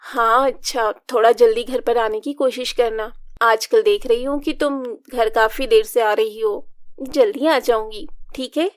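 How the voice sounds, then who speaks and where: Expressive woman reading a family story. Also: fairly high pitch, measured pace, no echo, studio quality. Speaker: narrator voicing all women. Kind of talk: storybook narration with character voices.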